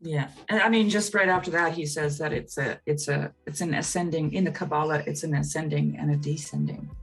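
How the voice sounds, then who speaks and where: A woman reading aloud and discussing in a measured, deliberate way. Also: low-pitched, steady tone, gravelly, poor audio. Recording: music behind the voice. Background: music.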